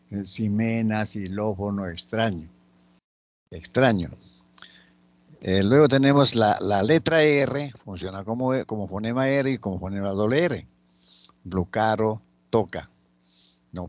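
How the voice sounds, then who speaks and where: Slow, patient Spanish teacher, man. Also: lowish voice, highs cut off. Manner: slow, patient, spelling out example words. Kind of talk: spoken grammar lesson.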